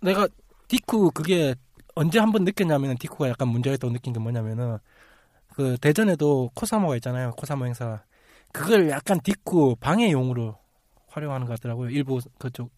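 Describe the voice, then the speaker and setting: A man's voice: medium pitch, lively intonation, a little fast, a little mellow, no room sound. A man hosting a casual podcast chat, laughing often and sometimes mimicking other people. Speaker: podcast host.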